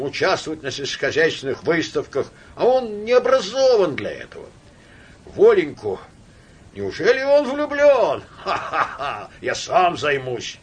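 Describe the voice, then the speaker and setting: A man's voice: on the high side, breathy edge, full character voice. A man voicing a tipsy, fickle young count. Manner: rambling, wheedling drunk talk.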